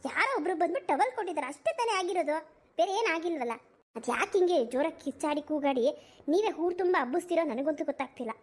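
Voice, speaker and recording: A woman voicing a sharp-tongued young village daughter-in-law who scolds and retorts briskly in an animated cartoon. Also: extremely high pitch. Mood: retorting.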